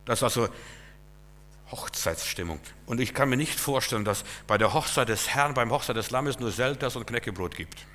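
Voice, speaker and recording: Bright-voiced man preaching in a reverberant hall. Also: medium pitch, moderate pace. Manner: lively and emphatic, with sudden loud bursts and soft drops. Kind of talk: sermon.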